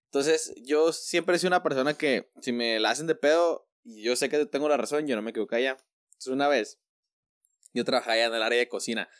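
Fast-talking Mexican man telling stories. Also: mid-range voice, no room sound, clean studio sound. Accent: Mexican Spanish. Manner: slangy, animated storyteller. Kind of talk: casual storytelling chat.

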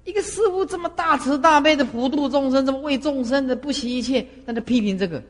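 A man's voice: very high-pitched, fast talker. A man, a Buddhist monk giving a sermon, who scolds and fires off rhetorical questions. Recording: long hall reverb.

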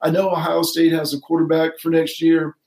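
A man's voice: on the high side, completely flat delivery, brisk, darkish tone. Chatty man in an echoey room. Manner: rambling, self-correcting. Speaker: podcast co-host. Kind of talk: casual sports chat.

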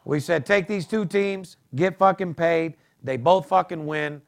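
Brash, profane man with a gravelly voice. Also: on the high side, a little slow. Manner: boastful, profane, hard-selling. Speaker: podcast host. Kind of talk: brash sports betting podcast talk.

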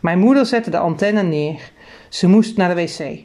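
A woman narrating a children's story in a lively, expressive reading. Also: on the low side, a little slow.

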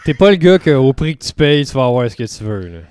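A man with a Québécois French accent chimes into a casual chat with short, wry remarks. His voice is of ordinary pitch for a man, and his comments are dry and to the point. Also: animated, quick pace, darkish tone, clean tone. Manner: brief wry interjections.

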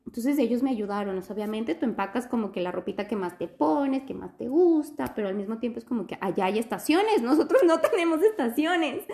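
Lively Ecuadorian woman telling a story. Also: fairly quick, hardly any pauses. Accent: Ecuadorian Spanish, from Quito. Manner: animated storytelling, bursts of high laughter. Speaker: guest telling her story. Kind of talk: casual chat.

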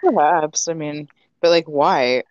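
A woman's voice: sits low, slow, a little mellow, no echo, muffled recording. A woman co-hosting a casual podcast, reacting with playful short quips. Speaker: podcast co-host. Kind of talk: casual chat.

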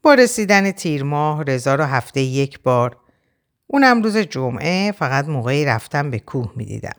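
A woman narrating a novel aloud in the first person, with expressive storytelling. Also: low-pitched. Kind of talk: audiobook reading of a novel.

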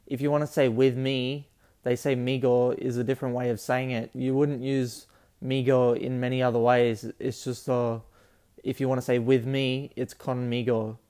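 A man hosting a casual solo podcast, rambling and restarting his sentences as he explains things. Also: mid-range voice. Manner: rambling, restarts often, flat delivery. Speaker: podcast host.

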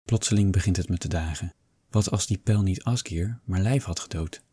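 A man reading a first-person novel aloud in a calm, steady storytelling manner. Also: deep voice, moderate pace, slightly rough. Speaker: audiobook reader.

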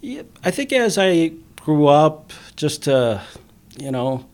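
A man, a police officer, talking earnestly in an interview, with many pauses and fillers. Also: fairly high pitch, big pitch swings, darkish tone. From immigrant, grew up in the US. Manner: earnest, halting, many "you know" fillers. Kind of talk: conversational interview.

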